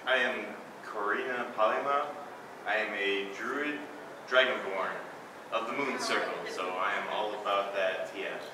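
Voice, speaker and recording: A man's voice: on the low side, moderate pace. Guy player describing his dnd character, echoey noisy room, bit far away. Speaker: panel player. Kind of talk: introducing a tabletop character, casual.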